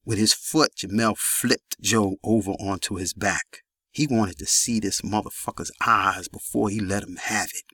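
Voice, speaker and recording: A man narrating a gritty crime audiobook in an even storytelling manner. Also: lowish voice, a little slow, no echo, studio quality.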